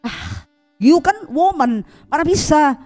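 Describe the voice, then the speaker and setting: A woman's voice: high voice, lively intonation, slow, darkish tone, soft background music. Woman doing a blunt Indian boss man. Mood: brusque. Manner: curt questions in broken English mix. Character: gruff Indian-Malaysian male employer, blunt, brusque.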